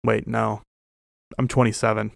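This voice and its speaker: Lowish and flat with vocal fry, this twenty-something host's voice moves at a measured pace as he delivers informal, opinionated football talk, blunt and emphatic, with some mild slang swearing. The recording is dry and studio quality.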